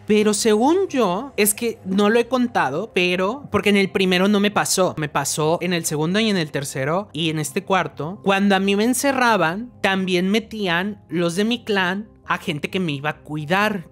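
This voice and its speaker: Young mexican guy vlogging his own story, acts out what he thought back then, soft music under it. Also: sits high. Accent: Mexican Spanish. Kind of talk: personal storytelling vlog.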